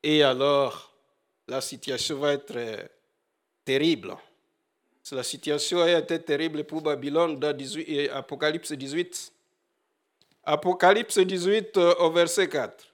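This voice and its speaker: A man preaching a sermon, animated, swinging from loud exhortation to quiet asides. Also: a little high, a little slow.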